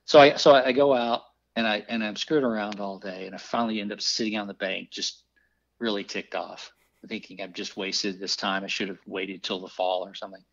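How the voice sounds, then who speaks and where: Low-voiced man telling lively fishing tales. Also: fairly quick, vocal fry. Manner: lively anecdotes with exclaimed quoted voices. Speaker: podcast guest, fly fisher. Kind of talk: animated storytelling. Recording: dull lo-fi sound.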